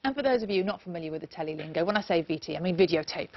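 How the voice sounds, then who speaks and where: A woman's voice: fairly low pitch, lively intonation, no room sound, lo-fi sound. Chatty woman reading sports news. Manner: brisk, chatty. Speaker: sports presenter. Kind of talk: breakfast news sports bulletin. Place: TV studio.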